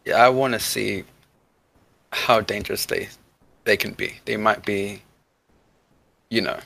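Flat creaky guy casually describing his rpg character. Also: lowish voice, unhurried. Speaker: player in a tabletop role-playing game.

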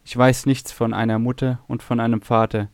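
A man's voice: mid-range voice, little pitch movement, fairly quick, gravelly, dry recording, close to an everyday voice. A man voicing a grieving young male temple servant, speaking earnestly and sorrowfully.

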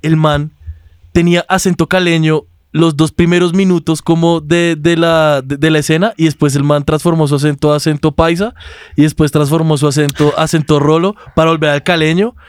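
A man's voice: fairly high pitch, little pitch movement, a little fast, clean tone, dry recording. A man in casual podcast chat, rambling and stumbling over repeated words.

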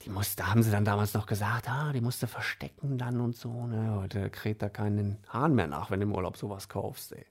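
A man's voice: fairly low pitch, steady tone, moderate pace, hardly any pauses. A man telling a casual personal anecdote in a chatty, colloquial way, with frequent tag questions. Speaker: storyteller.

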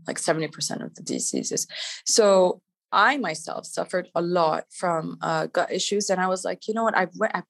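Her voice is fairly low with vocal fry and a fairly bright tone. A middle-aged Canadian entrepreneur, she chats cheerfully as a guest in a casual interview, frequently using "like" and "you know."

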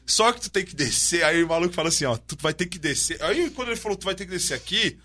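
A man telling a story to friends in casual chat, animated and slangy, acting out the dialogue. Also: high-pitched, fast talker.

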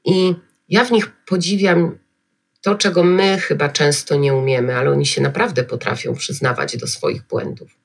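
A woman's voice: sits low, lively intonation, moderate pace. A woman being interviewed on a podcast, talking emotionally and hesitantly with many fillers. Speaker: guest.

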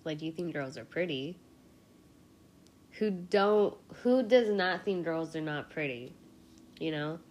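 A woman's voice: low-pitched, animated, slow, pauses often, a little mellow. A young woman hosting a casual solo podcast, sick and rambling, swearing freely and laughing often. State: sick with a cold, congested voice. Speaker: podcast host.

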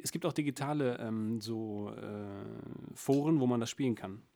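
A man's voice: mid-range voice, normal speed, vocal fry, dark tone. A man co-hosting a podcast in casual chat, joking and ironic, often restarting his sentences. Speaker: podcast co-host.

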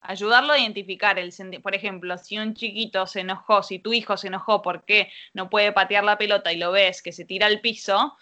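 A woman's voice: mid-range voice, steady tone, fairly quick, few pauses, bright, forceful tone. A woman with a Rioplatense Spanish accent in casual conversation, adding short agreements and examples.

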